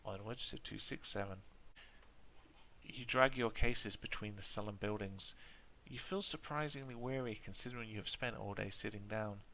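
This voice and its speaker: A man reads a solo tabletop adventure aloud and stops now and then for hesitant, rambling asides. His voice is low but bright and forceful. A faint hiss sits behind it. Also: moderate pace, vocal fry, low-quality recording. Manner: hesitant asides with fillers and restarts. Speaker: solo tabletop game player. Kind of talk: reading a gamebook aloud with casual asides.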